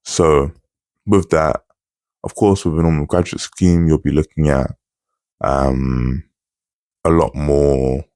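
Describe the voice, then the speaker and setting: Deep-voiced young man with a retainer lisp. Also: fairly even intonation, slow pace, long pauses, mellow, no room sound, clean studio sound. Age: 20s. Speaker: vlogger. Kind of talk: casual update to camera.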